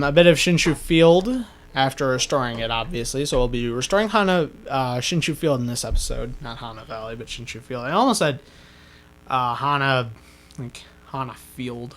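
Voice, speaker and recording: Guy doing a slow easygoing let's play, keeps rambling and fixing his own slips, bouncy voice. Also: medium pitch, fairly bright tone. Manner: rambling, self-correcting, laughs at own slips. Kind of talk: casual gameplay commentary.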